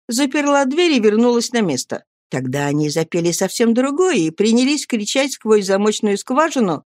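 A woman narrating a classic novel aloud in a measured, expressive reading. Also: medium pitch, no echo, studio quality. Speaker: audiobook narrator.

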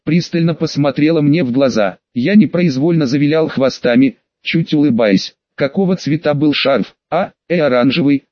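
A man's voice: fairly high pitch, no echo. Man, audiobook narrator, first-person, matter-of-fact, wry asides, dry dull recording.

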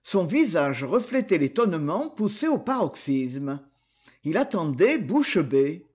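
A man reading a novel aloud as an audiobook narrator, expressive and giving the characters' lines their own tone. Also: fairly high pitch, a little slow, husky. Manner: expressive reading, voicing characters with quoted dialogue. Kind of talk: scripted narration.

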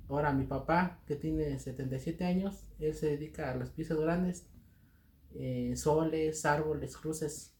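A man's voice: fairly high pitch, steady tone, a little slow, a little mellow. A middle-aged man with a Mexican accent answering interview questions as a guest, speaking hesitantly with many fillers and restarts. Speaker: guest artisan. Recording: roomy echo.

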